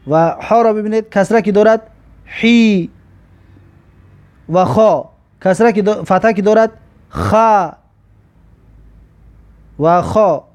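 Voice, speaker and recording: Tajik-accented male teacher, high voice, patient and repetitive, sounding out letters one by one. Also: darkish tone. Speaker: Arabic alphabet teacher. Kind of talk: recorded alphabet lesson.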